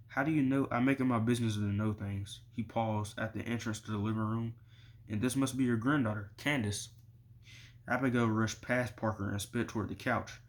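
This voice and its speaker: A man reading a novel chapter aloud in a plain, steady way, barely changing his voice between characters. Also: mid-range voice. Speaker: audiobook reader.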